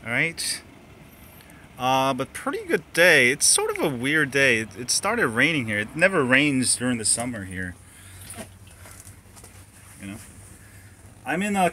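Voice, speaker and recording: A man's voice: mid-range voice, fairly bright tone, slight background noise. A man live-streaming on a handheld phone, chatting loosely with viewers about phones and whatever comes up, wandering outdoors now and then. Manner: rambling, loose, full of restarts and asides. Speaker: tech live-streamer answering viewer questions. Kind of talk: casual live-stream chat. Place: walking around, partly outdoors.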